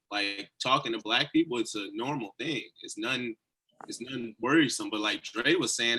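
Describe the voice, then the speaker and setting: A young man from St. Louis, a former college athlete, talking in a relaxed, conversational way in a panel discussion. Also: mid-range voice, husky, poor audio.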